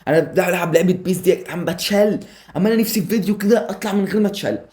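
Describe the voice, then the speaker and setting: A gaming YouTuber with an Egyptian Arabic accent calls a football video game live in a high, rapid-fire voice. He gets worked up, shouts at the players, and cracks jokes with his viewers.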